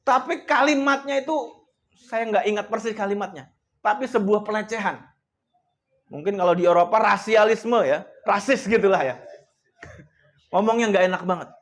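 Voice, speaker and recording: A man with a notably high voice delivers a motivational speech to an audience. He tells stories, addresses his listeners often, and adds frequent devout exclamations. His delivery swings from soft, almost whispered lines to loud, emphatic bursts. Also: normal speed, long pauses. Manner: swings between hushed, soft passages and loud emphatic outbursts. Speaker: motivational coach.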